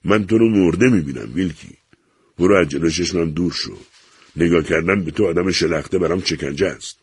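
A man with a deep, gravelly voice voicing a stern old doctor who coldly refuses to help his son. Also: no room sound, full character voice. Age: older. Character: stern, cold elderly father, a doctor. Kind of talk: audiobook character reading.

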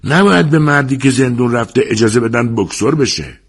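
A man voicing an excitable grown male gambler in an audiobook, shouting in a high, drawn-out voice. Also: slightly rough. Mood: scoffing. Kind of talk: audiobook character voice.

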